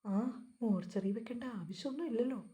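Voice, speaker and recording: A woman's voice: fairly high pitch, fairly quick, mellow, close to an everyday voice. A woman reading the part of a scheming middle-aged uncle who gushes with overdone sympathy on the phone. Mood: fawning.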